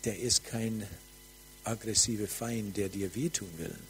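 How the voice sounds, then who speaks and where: Slow fervent male preacher, faint hum. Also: fairly low pitch, fairly even intonation, rough recording. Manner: slow, fervent, drops to soft near-whispers. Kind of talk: charismatic sermon with prophetic ministry.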